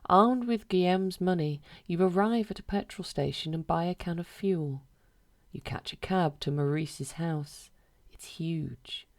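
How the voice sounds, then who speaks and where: A woman with a low voice for her sex narrates a short story, reading the scripted prose at a measured pace and keeping her delivery deadpan from start to finish.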